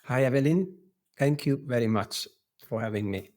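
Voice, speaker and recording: A middle-aged man from Hungary with a strong Hungarian accent, a podcast guest who talks in an earnest, halting way. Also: medium pitch, lively intonation, darkish tone. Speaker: podcast guest, qigong instructor.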